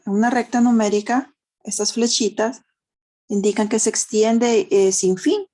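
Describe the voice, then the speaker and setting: A fairly high, warm voice at a measured pace belongs to a woman with a Honduran Spanish accent leading an online math lesson. She goes step by step, checks in with tag questions, and uses diminutives.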